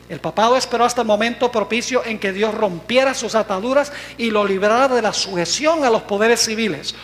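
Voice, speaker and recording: A preacher delivers a sermon with steady emphasis and a mid-pitched voice. He draws out key words when reading quotations and turns to the congregation with rhetorical questions. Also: low-quality recording. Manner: emphatic, slows down to stress quoted words; asks the audience rhetorical questions. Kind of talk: sermon with read-out quotes.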